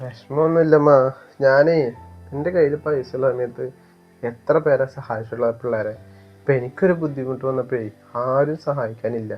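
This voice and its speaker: A man's voice: mid-range voice, normal speed, highs cut off, lightly acted. A young man with a Malappuram Malayalam accent playing a resentful son who bitterly rejects his stepfather in an amateur family short film. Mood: dejected. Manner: bitter, defiant outbursts. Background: faint music.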